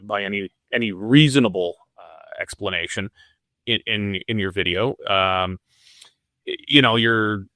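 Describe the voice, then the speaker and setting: A man's voice: fairly low pitch, a little slow, bright, forceful tone, no room sound, clean studio sound. A man conducting a news interview, hesitant, with many fillers and restarts.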